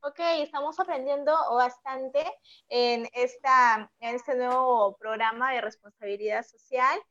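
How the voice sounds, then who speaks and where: A woman with a high voice hosts an English lesson show, explaining carefully and repeating each point so it sticks. The sound is a bit dull and lo-fi. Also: steady tone, unhurried, fairly bright tone. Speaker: host of an online English program. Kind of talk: hosting an English lesson broadcast.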